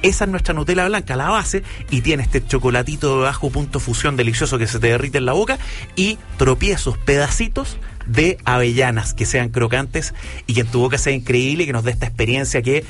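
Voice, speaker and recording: A man's voice: mid-range voice, expressive, a little fast, fairly bright tone, soft background music. Effusive man guest. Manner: enthusiastic, effusive. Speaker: ice cream maker guest. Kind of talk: enthusiastic guest explanation.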